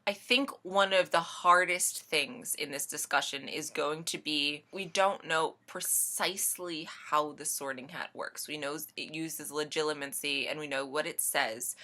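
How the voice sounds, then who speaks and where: A woman's voice: sits low, bright, forceful tone. A woman in a casual barstool debate over drinks, making emphatic, argumentative rebuttals.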